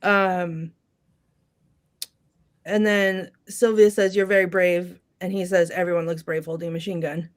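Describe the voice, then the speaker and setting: A woman on a podcast panel reading film quotes in a relaxed, casual way, with many ums and small laughs. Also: on the low side, measured pace, pauses often. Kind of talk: casual chat, reading movie quotes aloud.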